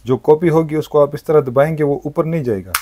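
Shopkeeper in a brisk sales pitch. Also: male voice, background noise. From Pakistan. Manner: brisk salesman patter, frequent "thik hai" and "janab-e-wala". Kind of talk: product demonstration sales pitch. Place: shop in an indoor market.

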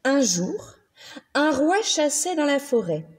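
A woman reads a children's picture book aloud at an unhurried pace. Her voice is high and sweeps widely up and down, stretching out words for effect. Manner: slow, very expressive storytelling. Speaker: children's story reader.

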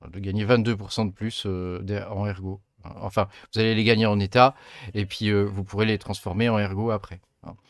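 Low-voiced man giving a chatty tutorial. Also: a little fast, no room sound, studio quality. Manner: relaxed, chatty, many fillers like "hein" and "euh". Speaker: tutorial host. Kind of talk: casual screen-recorded tutorial.

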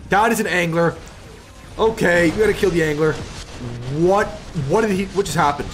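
A fairly high-voiced man commentates his game like a hyped gamer bro. He talks in excitable exclamations and repeated phrases, with music playing underneath. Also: moderate pace. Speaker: gaming video host. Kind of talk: live gameplay commentary.

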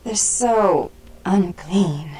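Haughty female vampire proprietor for a video game, slightly low voice, formal and cool. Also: very slow, warm tone, low-quality recording. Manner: formal, poised and condescending. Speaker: vampire club owner.

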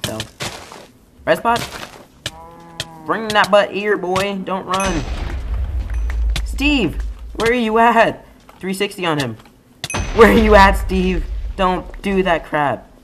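Young gamer dude rambling over his match, voice jumps all over the place, mumbles then yells. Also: high-pitched, vocal fry, background noise. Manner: rambling, excitable, swings between mumbling asides and sudden yells. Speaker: gaming YouTuber. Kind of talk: casual let's-play commentary.

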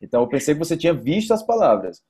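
A young Portuguese teacher with a Brazilian accent tutors one-to-one over a video call from an indoor room, explaining casually and repeating points for emphasis. His voice is fairly high, mellow and slightly rough, very animated and rapid-fire.

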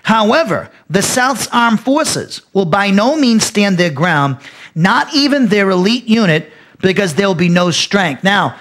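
A Bible teacher with a high-pitched, ragged and strained voice works through scripture verse by verse. He explains slowly, repeats key phrases and often restarts a word before going on. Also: big pitch swings, fairly bright tone.

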